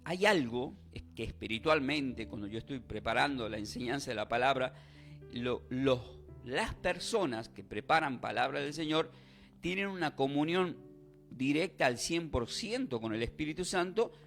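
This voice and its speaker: A man's voice: medium pitch, animated, moderate pace, vocal fry, a bit bright, soft background music. A man preaching a sermon, asking rhetorical questions and leading call-and-response.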